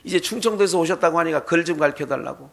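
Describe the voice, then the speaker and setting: A man's voice: a little high, very fast, gravelly, fairly bright tone. A man acting out a fawning, rich, illiterate country host in a sermon story, with an eager, effusive welcome.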